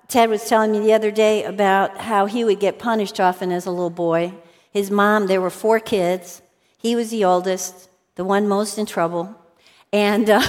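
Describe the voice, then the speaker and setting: A woman's voice: medium pitch, darkish tone. A woman teaching a Bible lesson in a large hall, earnest and storytelling, sometimes acting out quotes. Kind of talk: sermon talk with personal stories. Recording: long hall reverb.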